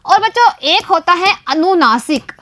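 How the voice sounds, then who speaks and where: A woman's voice: very high-pitched, animated, measured pace, fairly bright tone, slight background noise. A woman with an Indian accent, a primary school teacher explaining a Hindi lesson to young children, asking questions and answering them herself. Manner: keeps addressing the children, asks and answers her own questions.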